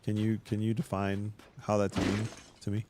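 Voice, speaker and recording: A man's voice: fairly low pitch, completely flat delivery, normal speed, music in the background. A man hosting a let's play, giving casual, teasing commentary as he plays. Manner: playful, teasing, wry asides.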